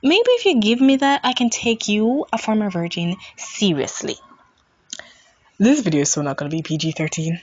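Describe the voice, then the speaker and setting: A woman's voice: mid-range voice, expressive, moderate pace, a little mellow, muffled recording. A woman giving a blunt, sarcastic rant while reviewing a TV show.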